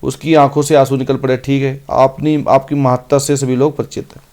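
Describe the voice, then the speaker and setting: A man teaching an exam-prep grammar lesson, reading each sentence out slowly and then explaining it briskly. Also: medium pitch, little pitch movement, a little mellow. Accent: Hindi.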